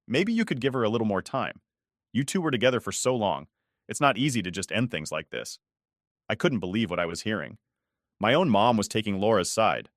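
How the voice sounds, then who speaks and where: A man's voice: fairly low pitch, a bit bright, no echo, clean studio sound. Young man telling a story casually. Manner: casual, conversational, exasperated. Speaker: narrator. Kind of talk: scripted first-person story narration.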